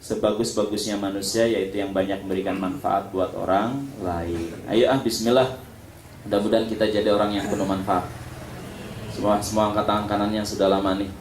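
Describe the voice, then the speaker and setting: A man preaching a sermon, lively and joking, calling on listeners by name. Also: on the low side, fairly quick, background noise. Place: prayer hall. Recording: echoey hall, faint ambience.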